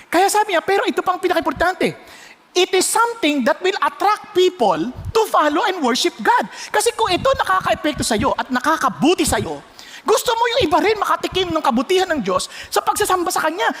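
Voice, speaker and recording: Animated Filipino man preaching in a hall. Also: extremely high pitch, a little fast. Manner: animated preaching mixing Tagalog and English, with sudden loud exclamations. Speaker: pastor. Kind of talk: sermon.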